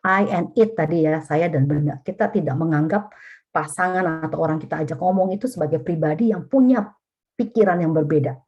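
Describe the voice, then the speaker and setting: A woman's voice: low-pitched, brisk, a little mellow, husky, muffled recording. A middle-aged woman, a vicar, teaching a family webinar in a casual, colloquial way, often addressing her listeners directly.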